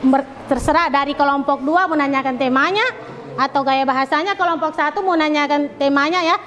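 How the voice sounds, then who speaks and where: High-pitched lady teacher bossing the class around, reverby room w/ a bit of noise. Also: fairly quick, a bit bright, dull audio. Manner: directive, checks on students often. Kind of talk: classroom instruction.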